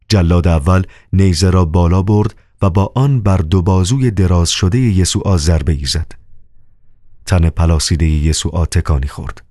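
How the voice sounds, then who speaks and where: A man narrating a novel as an audiobook, with a measured, solemn reading. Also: low voice, mellow, dry recording, clean studio sound.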